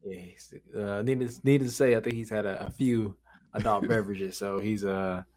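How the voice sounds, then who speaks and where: A man's voice: on the low side, steady tone, moderate pace, darkish tone. A man co-hosting a sports talk show with casual, slangy banter and repeated phrases.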